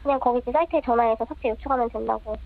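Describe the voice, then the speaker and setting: Anonymous female interviewee, altered higher-pitched voice, hesitant, narrow muffled line. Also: racing, gravelly. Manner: short, hesitant answers. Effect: voice electronically altered for anonymity. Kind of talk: subdued interview answers.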